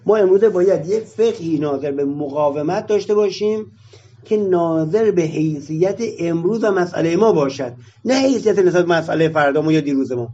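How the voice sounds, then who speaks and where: A man's voice: a little high, warm tone, lo-fi sound. A man arguing his point in a discussion session, explaining it through rhetorical questions.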